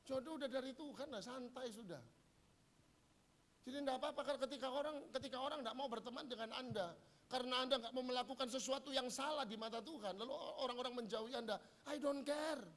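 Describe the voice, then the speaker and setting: A middle-aged pastor preaches a sermon in church, joking and acting out little dialogues with humor. He talks fast in a very high, slightly bright voice.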